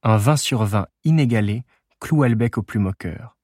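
A man reads a literary novel aloud as an audiobook, measured and unhurried. His voice sits on the low side and the sound is dry and close, with no room around it. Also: darkish tone, no echo. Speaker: audiobook narrator.

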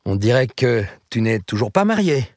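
A man voicing a blunt, familiar retired man in his sixties in an audiobook, close to his own low voice. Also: sing-song, normal speed, a little mellow, no echo. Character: retired older man, blunt and hungry old friend.

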